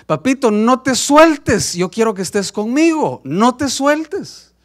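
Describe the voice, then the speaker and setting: A man's voice: very high-pitched, very animated, slow pace, voice pushed up, heavily acted. A man voicing a little girl who pleads with her father and then solemnly reproaches him, acted within a sermon. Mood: pleading.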